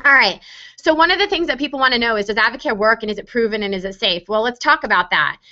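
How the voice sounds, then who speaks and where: A woman's voice: on the high side, expressive, fast, pushed and bright. A woman giving a chatty, upbeat online sales presentation, with frequent fillers. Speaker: webinar presenter. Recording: dull lo-fi webinar audio.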